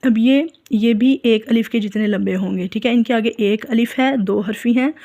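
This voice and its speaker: A woman's voice: fairly high pitch, mellow. A woman with an Urdu accent teaching Quran letter pronunciation, stretching each sound and correcting firmly. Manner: drawn-out letter sounds, firm and instructive. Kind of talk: slow step-by-step recitation lesson.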